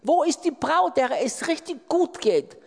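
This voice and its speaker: A man preaching a sermon, emphatic and repetitive, with loud swells. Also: very high voice, animated, a little slow, vocal fry. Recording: long reverb of a large hall.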